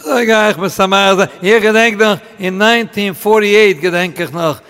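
An older rabbi spins anecdotes with a high, gravelly voice. He tells them with animation, chuckles often and slips into the voices of his characters. His voice carries the long reverb of an echoey hall. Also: normal speed, fairly bright tone. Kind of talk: anecdotal storytelling.

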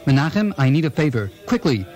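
A man's voice: medium pitch, very animated, fairly quick, mellow, faint music behind, natural voice. An actor playing a respected male rabbi and teacher who speaks earnestly and solemnly.

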